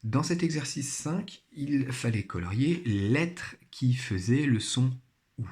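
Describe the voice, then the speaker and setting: Slow, careful male teacher. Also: mid-range voice, animated, a little mellow. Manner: slow, patient, articulates sounds and syllables carefully. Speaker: primary school teacher. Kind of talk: recorded remote phonics lesson.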